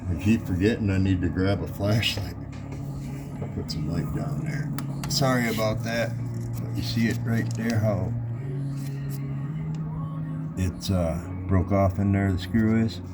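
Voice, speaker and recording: Working on an engine in what seems to be a garage or driveway, a man with a deep voice chats casually with his audience in a DIY repair vlog. He rambles and keeps apologizing about the camera, and his voice is captured by a phone propped up close by.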